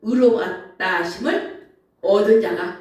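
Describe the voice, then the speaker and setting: A woman preacher giving an animated sermon and acting out grumbling prayers. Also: mid-range voice, a little slow. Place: church sanctuary. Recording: echoey church hall from far off.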